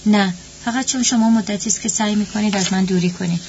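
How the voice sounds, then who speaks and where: A woman's voice: medium pitch, fairly even intonation, darkish tone, close to an everyday voice. A woman voicing a polite, somewhat hesitant man who is a coworker. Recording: dull lo-fi with faint hum.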